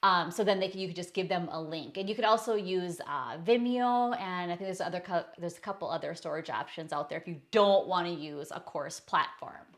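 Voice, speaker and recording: A woman's voice: fairly low pitch, fairly quick, hardly any pauses. A woman coaching online business owners in a casual screen-share tutorial, chatty and self-correcting as she talks through her slides.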